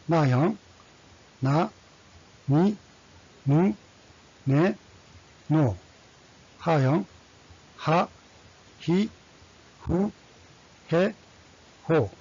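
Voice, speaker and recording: A man's voice: on the high side, animated, very slow, pauses often, a little mellow, slightly rough, highs cut off. A man teaching a language lesson, reading syllables one by one and repeating set phrases. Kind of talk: slow scripted lesson, reading kana aloud.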